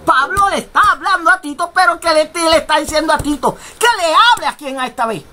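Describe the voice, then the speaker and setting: A woman preaching a radio sermon, emphatic and repetitive with bursts of shouting. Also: high voice, expressive, brisk.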